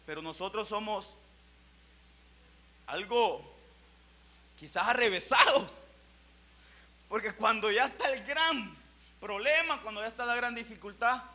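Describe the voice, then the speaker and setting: A man pastor preaching a sermon fervently, his loudness swelling and dropping. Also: sits high, measured pace, pauses often.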